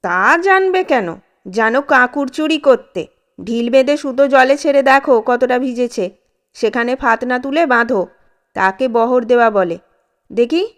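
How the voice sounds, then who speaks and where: A cranky old village fisherman barks at a pack of noisy boys in a storybook tale, as a woman puts him on. His scolding is loud, gruff and stern, pitched a little high, and each word comes out slow and heavy. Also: expressive. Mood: snapping.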